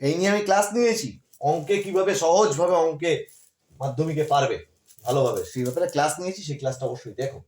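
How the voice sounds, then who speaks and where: A man's voice: fairly high pitch, fast talker, darkish tone, echoey room. A man who tutors school students online, giving encouraging study advice and checking in with "ঠিক আছে?" as he repeats his points.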